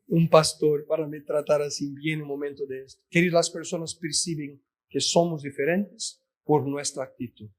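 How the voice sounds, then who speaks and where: Male preacher, high voice, emphatic sermon delivery. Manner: emphatic, addresses listeners as "queridos". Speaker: pastor.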